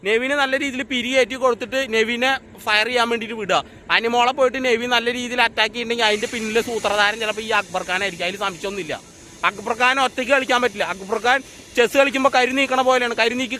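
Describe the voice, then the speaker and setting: A man's voice: extremely high pitch, sharp tone, slight background noise. A man giving a blunt, outspoken review of a reality show to his channel's viewers, circling back over the same points. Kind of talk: casual spoken review monologue.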